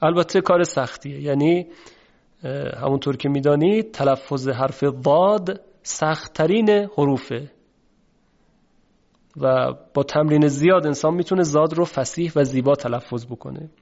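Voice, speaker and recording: A man teaching a tajweed pronunciation lesson, patiently explaining and slowly drawing out sounds to demonstrate them. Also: on the high side, vocal fry, darkish tone. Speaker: Quran recitation teacher. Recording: dull, lo-fi recording.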